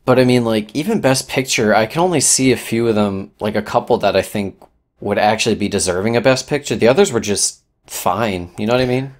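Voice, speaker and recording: A man co-hosting a casual podcast, excitable and swearing, often trailing off mid-sentence. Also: lowish voice, a little fast. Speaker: podcast co-host. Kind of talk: casual chat.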